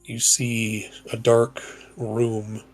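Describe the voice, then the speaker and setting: A man narrating a tabletop game as game master, in slow, measured descriptive narration over faint music. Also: medium pitch, monotone, darkish tone.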